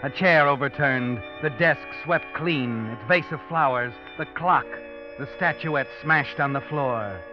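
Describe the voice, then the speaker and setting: A man narrating a 1940s radio drama in the second person, brooding and measured. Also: medium pitch. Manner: brooding, measured, addresses the hero as you. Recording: dull old radio broadcast with music.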